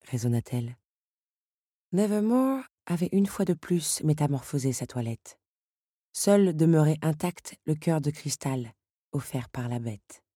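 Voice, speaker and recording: A woman narrating a novel chapter as an audiobook, calm and measured. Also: deep voice, slightly rough, no room sound, studio quality.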